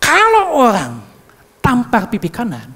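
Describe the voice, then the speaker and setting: A woman preaching a sermon in a playful, conversational way, full of rhetorical questions and quick "ya" check-ins to the congregation. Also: on the high side, huge pitch swings, a bit bright, breathy edge. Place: church hall. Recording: long hall reverb.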